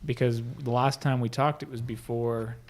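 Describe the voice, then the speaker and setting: A man's voice: mid-range voice, fairly even intonation, moderate pace, slight background noise. Chatty man co-hosting a podcast. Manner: chatty, retells scenes with laughing asides. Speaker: podcast co-host. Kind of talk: casual chat.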